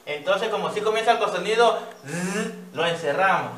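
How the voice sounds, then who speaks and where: A man teacher giving a children's reading lesson, patiently sounding out words slowly and checking in with "¿ya?". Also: sits high, sharp tone, reverberant, a little hiss or hum.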